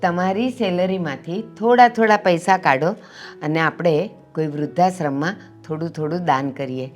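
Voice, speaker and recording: An actress playing a kind older mother-in-law who gently gives advice, in a short drama. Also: on the low side, moderate pace, faint music behind, natural voice. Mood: gentle. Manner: gentle, advising.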